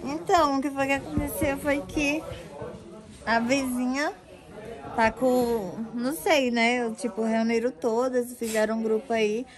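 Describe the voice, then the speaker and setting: A woman's voice: on the high side, steady tone, a little slow, a crowd in the background. A young woman talking bluntly and defiantly in casual chat on a sofa. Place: indoors on a sofa.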